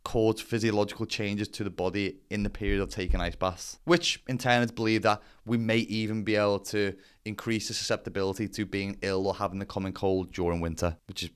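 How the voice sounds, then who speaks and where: Talking fairly quickly with few pauses, this vlogger has a lowish, clear and resonant voice that barely moves in pitch. Addressing the camera, he explains things casually and bluntly, swearing a bit and poking fun at himself.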